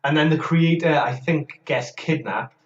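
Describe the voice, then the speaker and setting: A man's voice: a little high, measured pace. A man co-hosting a podcast, chatting casually and rambling with hesitant restarts. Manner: rambling, hesitant, laughs often. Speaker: podcast co-host. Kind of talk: casual chat. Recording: roomy, distant, dull lo-fi sound.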